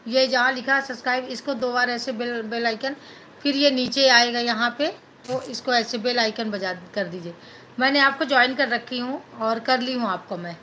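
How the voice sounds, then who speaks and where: In a low-quality phone recording made at arm's length in a small indoor room, a middle-aged woman from Madhya Pradesh, India, chats casually on a live stream. She reads comments, replies, greets people and thanks them repeatedly, mixing English into Hindi. Her voice is bright and a bit high, her pace moderate, with a faint hiss of room noise beneath.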